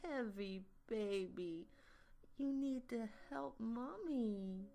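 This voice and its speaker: Man doing a shrill whining monster aunt, mushy baby voice, hissing, spiteful, horror audio story. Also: expressive, drawn-out words, gravelly, dark tone, full character voice. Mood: baby-talking. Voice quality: mushy speech like bad dentures. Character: monstrous tree-like aunt, woman, whiny and spiteful.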